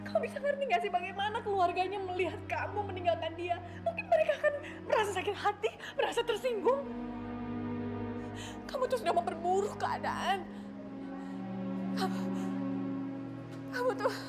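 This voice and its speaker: In a TV drama with loud music behind her, an actress plays a distressed older sister (Mbak) who scolds her brother while near tears. Her very high-pitched voice has lively intonation, moving quickly with hardly any pauses.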